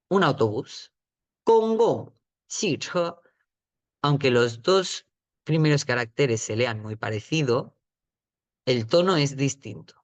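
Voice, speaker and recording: A man teaching vocabulary in a patient, explanatory lesson, often checking in with the listener and repeating words slowly at a higher pitch. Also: no room sound, muffled recording. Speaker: Chinese teacher.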